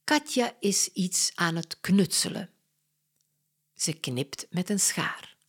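A woman reading a children's story aloud in a clear, expressive way. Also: lowish voice, takes it slowly.

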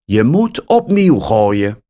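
A man's voice: lowish voice, very animated, takes it slowly, dark tone. A man voicing a young boy in a children's story who often loses and sulks about it. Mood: bossy. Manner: sulky and sighing.

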